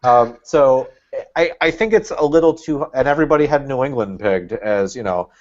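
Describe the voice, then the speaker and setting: A man's voice: medium pitch, animated, moderate pace. A man talking as a podcast guest in casual chat, rambling and thinking aloud with lots of fillers. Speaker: guest, Red Bulls fan. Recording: dull lo-fi sound.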